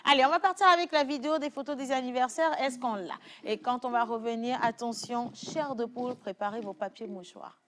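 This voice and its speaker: A woman's voice: fairly high pitch, brisk, few pauses, fairly bright tone. A woman hosting a casual studio chat show in a playful way, laughing easily and switching between languages. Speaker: show host.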